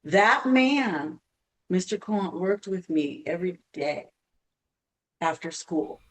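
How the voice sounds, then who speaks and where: A woman from Arizona, a singer guest on a podcast, telling long stories with halting restarts. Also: lowish voice, animated, distant mic, poor audio. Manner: halting, many restarts, laughs while telling. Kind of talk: podcast interview storytelling.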